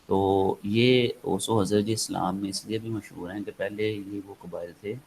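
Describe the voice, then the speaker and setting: A man's voice: lowish voice, fairly even intonation, vocal fry, darkish tone, slight background noise, low-quality recording. A man with a Pakistani accent giving an online lecture, rambling with many fillers and slipping into English. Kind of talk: online lecture, casual explaining.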